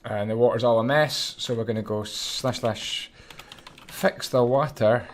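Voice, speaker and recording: A man's voice: mid-range voice, a little slow, slight background noise. Scottish man, easygoing build commentary, mid-range voice, mutters and hums between thoughts. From Scotland. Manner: chatty, hums and mutters while concentrating. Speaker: Minecraft YouTuber.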